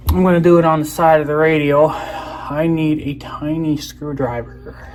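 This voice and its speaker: Speaking at a moderate pace, this video creator has a somewhat high, slightly mellow voice and a level tone. He unboxes an item in a relaxed chat with viewers, wandering off topic and frequently leaving sentences unfinished. Background noise is clearly audible.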